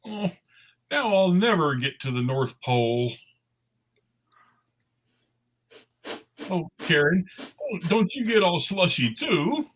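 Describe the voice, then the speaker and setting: A man plays a big-hearted cartoon snowman with a high, slightly husky voice. He is naive and eager, exclaiming like a child, with pitch that leaps all over. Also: very animated, unhurried, fairly bright tone, heavily acted. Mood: dismayed. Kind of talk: cartoon table read.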